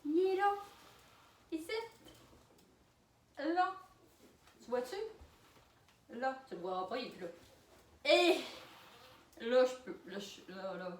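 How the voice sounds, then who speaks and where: Une jeune femme à l'accent québécois qui raconte une anecdote en vlog, de façon animée, avec des rires et des exclamations fortes. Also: female voice, high voice, slow pace, long pauses. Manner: animated, laughing storytelling with loud exclamations. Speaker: vlogger. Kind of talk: storytime vlog. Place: alone in a room. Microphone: camera mic. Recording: roomy sound from a distant mic.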